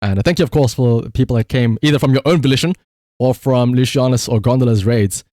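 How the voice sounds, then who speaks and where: A fast-talking male livestreamer with a warm, mid-range voice rambles casually to his viewers. He swears freely and sounds playfully exasperated, in a studio-quality recording with no room sound.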